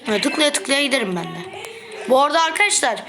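A young woman playing a mobile game and giving excitable, trash-talking commentary, playfully complaining as she goes. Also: high-pitched, quick pace, noisy background. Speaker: gaming video host. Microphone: phone.

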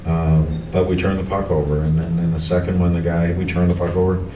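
A middle-aged man, a hockey coach, answering reporters at a post-game press conference, halting with many restarts and fillers. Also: low voice, little pitch movement. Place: press room in front of a team backdrop. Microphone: table mic on a stand, heard from a camera farther off. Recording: echoey room, distant camera, background noise.

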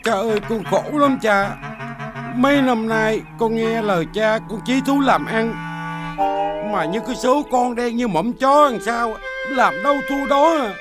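An actor playing a greedy, henpecked eldest son in a TV folk-tale drama, with a whiny, pleading manner. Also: male voice, extremely high pitch, unhurried. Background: music.

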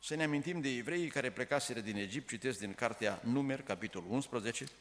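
A man's voice: medium pitch, a bit bright. A man preaching a sermon in a church, emphatic and full of rhetorical questions. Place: church sanctuary. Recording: echoey church hall.

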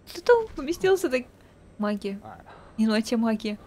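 A woman streamer giving casual reaction commentary with a cute, expressive anime-streamer delivery. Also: a little high, normal speed, a little hiss or hum.

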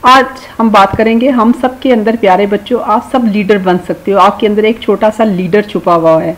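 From Pakistan, a woman with a medium-pitched, steady voice teaches children a beginner Urdu lesson. She spells words out slowly, letter by letter and drawn out, offering warm, coaxing praise along the way. The audio quality is poor.

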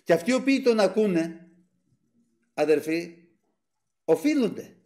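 A man's voice: high voice, expressive, mellow. A man preaching a sermon with fervor, swelling on key phrases and often addressing the brethren. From Greece.

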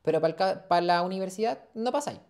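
A man's voice: high voice, fast, vocal fry, darkish tone. A man in his twenties with a Chilean accent, talking loosely as a podcast guest, slangy and rambling with lots of fillers, recorded on a lapel mic in a small studio. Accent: Chilean Spanish. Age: 20s. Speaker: podcast guest, dental student. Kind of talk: casual interview chat. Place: small studio room, seated in armchair.

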